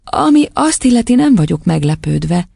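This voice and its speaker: Woman doing a kind young teacher, storybook, soft and soothing, calm, slightly husky creak. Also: fairly low pitch, dry recording, studio quality, pitched above the performer's own voice, exaggerated voice. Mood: gentle.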